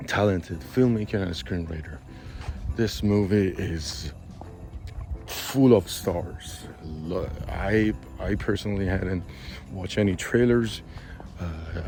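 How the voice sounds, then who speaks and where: A man with a hoarse, raspy, whispery voice that is nearly gone, giving a casual, halting film review. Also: sits low, darkish tone.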